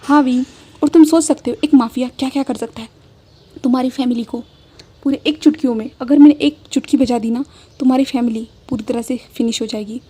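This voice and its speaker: A woman's voice: high voice, steady tone, a little fast, warm tone, breathy edge. A woman doing a possessive young mafia boss. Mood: gloating. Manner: pleading then gloating, emphatic.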